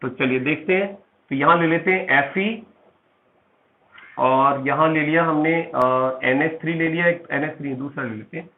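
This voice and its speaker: A man teaching chemistry to a class, walking through each step and checking that his students are following. His voice sits a little high for a man. The sound is thin and phone-like, with a noticeable room echo. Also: a little slow. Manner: explains step by step with frequent "theek hai" check-ins; addresses students as "beta". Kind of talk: classroom lecture.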